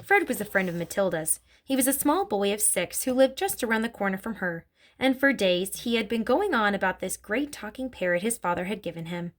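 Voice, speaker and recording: A woman reads a children's novel aloud with expressive storytelling. Her voice sits mid-range but moves a lot in pitch. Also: brisk. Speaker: narrator.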